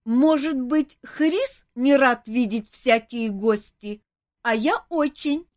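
A woman's voice: sits high, a little mellow, dry recording, studio quality, voice pushed up. A woman voicing a curious, childlike female dragon who speaks in broken sentences. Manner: broken grammar, slow wondering questions.

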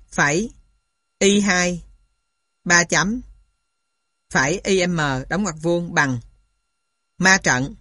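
A woman's voice: on the low side, fairly bright tone, no echo, clean studio sound. A woman reading scripted lesson material aloud in a methodical way, carefully spelling out each element like a lecturer. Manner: methodical, spells out symbols and punctuation.

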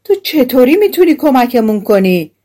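A woman voicing a nervous grown male burglar who talks in an urgent, hushed way. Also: high voice, sing-song, pitched above the performer's own voice.

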